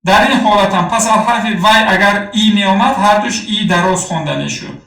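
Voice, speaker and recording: A man with a Tajik accent giving a phonetics lesson, slowly and deliberately drilling the pronunciation of each word. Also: sits high, pushed and bright. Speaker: language teacher. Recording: echoey room, mic far off, faint music.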